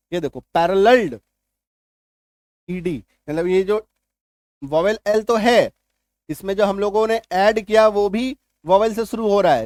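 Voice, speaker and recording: A man's voice: sits high, darkish tone, dry recording. A man teaching English spelling rules, repeating points and checking if students follow. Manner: repetitive, reassuring, keeps checking understanding. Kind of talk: spoken lesson explaining spelling rules.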